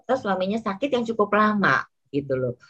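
A middle-aged woman from Indonesia, talking as an interview guest who gets heated and passionate, and who acts out quoted lines in a higher voice. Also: sing-song, fairly bright tone, highs cut off. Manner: passionate, quick to get heated. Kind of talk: casual interview talk.

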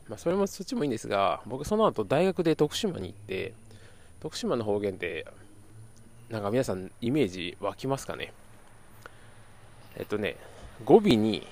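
A young man from Kyoto with a slight Kansai intonation, hosting a casual solo podcast and talking in a rambling way, correcting himself and chuckling. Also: mid-range voice. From Kyoto, Japan. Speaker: podcast host.

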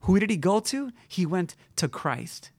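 A man delivers an informal sermon in a somewhat high voice with a gravelly edge. He talks to his listeners rather than at them, throwing out rhetorical questions between scripture readings and prayer. The sound is dry and close. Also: sing-song, measured pace, dry recording. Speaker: pastor.

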